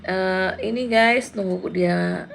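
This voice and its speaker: Speaking slowly at a medium pitch, this woman in her thirties has a gravelly voice, and there's a faint hiss or hum in the audio. She chats on a casual live stream, reading out viewers' names and comments and responding to them.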